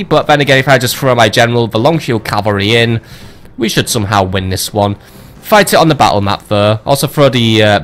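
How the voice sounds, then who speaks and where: A man talks through his strategy game in loose, rambling commentary. He drifts into jokes and casual swearing as he gives orders to his units. His voice sits at an ordinary middle pitch. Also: a bit bright. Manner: rambling, swearing, joking asides. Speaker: let's play host.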